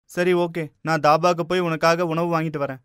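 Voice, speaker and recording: A man's voice: fairly high pitch, little pitch movement, normal speed, a bit bright, slight background noise, natural voice. A man voicing a patient young husband who coaxes and grows baffled. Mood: exasperated. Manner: mild, coaxing, exasperated.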